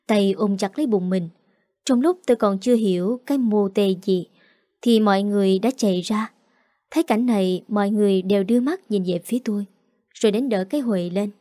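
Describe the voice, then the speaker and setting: A woman's voice: medium pitch, dark tone, no echo, clean studio sound. A woman narrating a dramatic first-person story.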